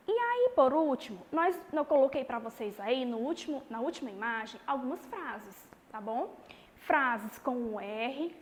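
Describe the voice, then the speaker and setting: A woman teaching a class of young schoolchildren, explaining patiently and slowly, often checking in with the listener. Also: sits high. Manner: patient, slow and explanatory, with frequent "tá bom?" check-ins. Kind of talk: recorded remote class lesson. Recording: long reverb, faint background noise.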